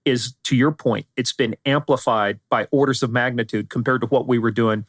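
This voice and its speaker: A middle-aged or older American man speaks at a medium pitch and normal speed, his intonation fairly even, in a dry, studio-quality recording. A security expert and former law enforcement advisor, he was raised in the United States but spent part of his childhood in Iran. As an interview guest, he answers emphatically and informally, drawing on anecdotes.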